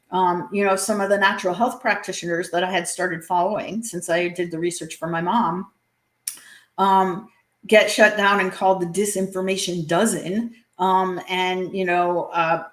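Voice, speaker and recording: A woman's voice: mid-range voice, reverberant. A woman being interviewed as an author, talking earnestly, with many fillers and restarts. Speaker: guest author. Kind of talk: interview conversation.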